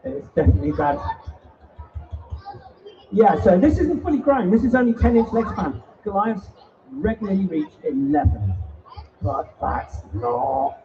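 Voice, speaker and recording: A man's voice: high-pitched, sing-song, a little slow, pauses often, mellow, slight background noise. A man presenting spiders at a live invertebrate show, teasing and bantering with the audience. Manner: jokey, teasing banter with the crowd. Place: indoor event hall. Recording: muffled live stream mic from a distance.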